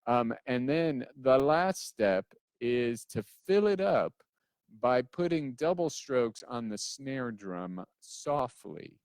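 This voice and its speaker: A man's voice: mid-range voice, big pitch swings, slow, darkish tone, smooth, no echo. A man giving a casual drum lesson who counts in aloud and sometimes wanders off topic. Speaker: drum teacher. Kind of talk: casual instructional talk.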